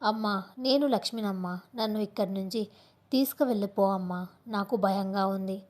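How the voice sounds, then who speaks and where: A woman narrator gives voice to a terrified young girl in a storybook tale. She pleads in a tearful, desperate rush at a middling pitch. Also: moderate pace, a little mellow, close to an everyday voice. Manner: desperate, pleading, breathless run-on speech.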